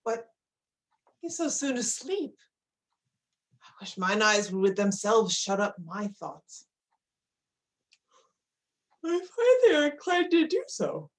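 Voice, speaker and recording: A woman's voice: medium pitch, sing-song, slow, long pauses. A woman playing a sorrowful, weary royal parent mourning a lost child in a tragic Shakespearean drama. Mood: weary, heavy. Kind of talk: Shakespearean stage drama performance.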